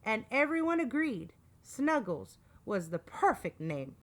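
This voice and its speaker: A woman librarian reading a picture book aloud in an expressive storytime manner, with a light Texan accent. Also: on the high side, measured pace. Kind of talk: storytime read-aloud with character voices.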